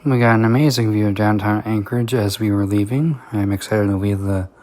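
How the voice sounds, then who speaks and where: A man's voice: fairly low pitch, steady tone, fairly quick. A man narrating a travel trip report as an enthusiastic aviation vlogger. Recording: very loud background noise.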